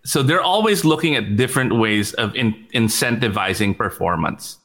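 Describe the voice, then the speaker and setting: Guesting on a podcast, this Filipino startup executive chats casually in a fast, mid-pitched voice with lively intonation and a fairly bright tone. He laughs a lot, stumbles over repeated words, and mixes into his English.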